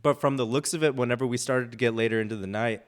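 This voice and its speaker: A man's voice: medium pitch, fast. A young man on a casual podcast, telling a long story full of fillers and swearing. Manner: rambling storyteller, swears freely, many fillers. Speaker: podcast co-host.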